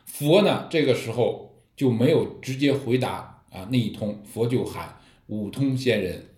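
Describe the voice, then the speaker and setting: A Buddhist teacher with a medium-pitched, unhurried voice gives a dharma talk on Zen koans. He tells stories with lively energy and asks rhetorical questions, in an echoey room.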